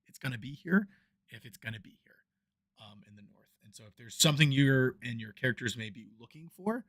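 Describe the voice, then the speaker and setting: A man's voice: medium pitch, animated, fairly quick, a bit bright, no echo. A man running a tabletop game as dungeon master, rambling with lots of ums, his voice fading as he moves off the mic. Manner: rambling, full of ums and restarts; moves around, voice swells and fades off the mic. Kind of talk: casual tabletop game narration. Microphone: new desk microphone.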